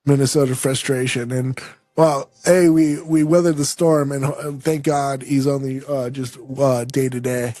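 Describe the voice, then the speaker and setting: A man co-hosting a casual sports podcast, upbeat and joking, with quick reactions. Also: mid-range voice, fairly even intonation, warm tone, dry recording. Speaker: podcast co-host.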